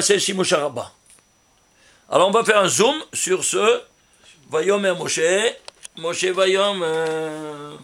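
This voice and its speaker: A man teaching a Torah lesson as a rabbi, his voice pitched high. He talks in a bright, tense tone. He keeps asking his listeners questions as he works through the numbers. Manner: animated, asks rhetorical questions to his listeners. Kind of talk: Torah lesson explaining numerology.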